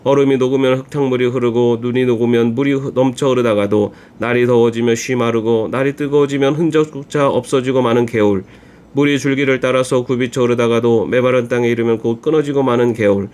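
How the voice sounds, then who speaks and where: Man reading scripture aloud, measured. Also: mid-range voice, fairly even intonation, darkish tone. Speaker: church Bible reader.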